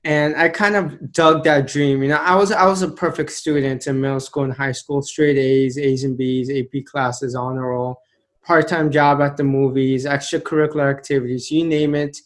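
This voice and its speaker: A late-twenties man whose first language is Indian tells his story as a motivational speaker in an interview. He is earnest and emphatic, slowing down to stress key phrases. His voice is medium-pitched and steady.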